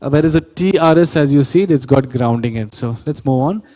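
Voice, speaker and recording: A man's voice: a little high, brisk, dark tone, long reverb tail. A man giving a workshop lecture on sound engineering, explaining step by step, correcting himself and quizzing the audience. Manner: explanatory, self-correcting, asks the audience questions. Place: church hall or auditorium.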